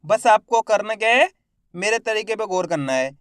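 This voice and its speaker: Male reading teacher, drawn-out syllable-by-syllable delivery, encouraging tone, crisp close dry recording. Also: sits high, animated, dry recording. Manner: sounds out each syllable loudly, then blends the word; addresses viewers as friends, encouraging. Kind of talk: slow syllable-by-syllable reading lesson.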